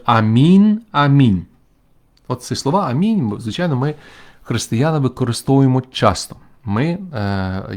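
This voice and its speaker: A man, a church bishop, teaching a remote Bible study lecture in a measured, explanatory way, pausing often with "uh" while he works through the text. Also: lowish voice, darkish tone. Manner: measured, explanatory, frequent "uh" fillers while working through Greek.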